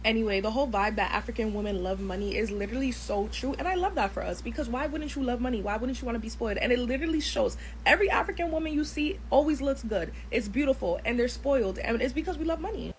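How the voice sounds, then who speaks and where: A woman's voice: a little high, quick pace, few pauses, slight background noise, poor audio. A woman raised in the United States, chatting emphatically to camera with lots of "like"s. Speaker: commenter in a stitched clip. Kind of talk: casual talk to camera.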